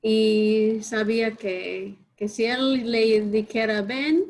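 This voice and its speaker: A woman taking part in a Bible study discussion, speaking thoughtfully and pausing to reflect. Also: a little high, steady tone, darkish tone, low-quality recording. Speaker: study group participant.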